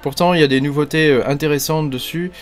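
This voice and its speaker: A man's voice: fairly high pitch, fairly even intonation, fast, soft background music. A man hosting a casual mining news roundup, talking loosely with many hesitations and fillers. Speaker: crypto mining channel host.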